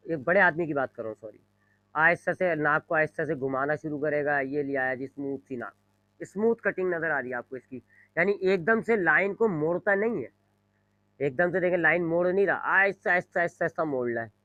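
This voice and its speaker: This male physics teacher has a fairly high, slightly bright voice, captured without echo but in rough quality on a microphone. Lecturing to a class, he sketches on a board as he talks, explains through repeated everyday examples, says "जी" often, and mixes in English terms.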